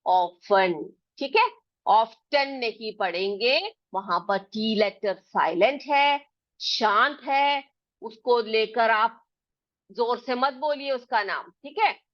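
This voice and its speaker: A woman's voice: on the high side, animated, takes it slowly. A woman teaching young students in a classroom lesson, speaking in a patient way and repeating her questions and answers. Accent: Hindi. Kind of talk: classroom lesson explaining silent letters. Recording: dull lo-fi recording.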